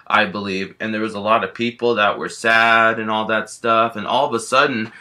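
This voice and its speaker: A big, gentle grizzly bear who scares easily, voiced by a man rambles through a first-person storytime and leans on fillers constantly. His voice sits fairly low but rings bright and forceful. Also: little pitch movement, normal speed. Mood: rambling wistful.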